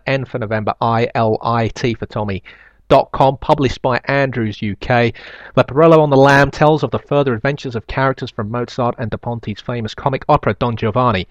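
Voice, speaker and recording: A man's voice: medium pitch, no room sound, dull audio. A man hosting a casual solo podcast, reading out listener emails with hesitant ums and uhs and dry self-mocking asides. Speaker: podcast host.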